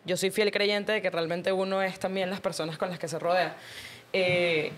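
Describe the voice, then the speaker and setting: A woman's voice: fairly low pitch, level tone, moderate pace, slight background noise. A woman asking questions as a conversational interviewer.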